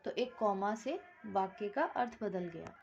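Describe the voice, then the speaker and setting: A woman's voice: mid-range voice, expressive, measured pace, creaky, a little mellow, muffled recording, a little hiss or hum. A woman teaching a Hindi grammar lesson, explaining step by step, mixing English words into her Hindi and checking with "ठीक".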